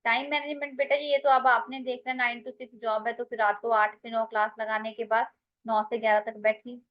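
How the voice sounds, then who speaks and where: A woman's voice: a little high, little pitch movement, a little fast, highs cut off. A woman with an Indian English accent teaching English grammar in an online class, mixing Hindi and English and calling her students "beta".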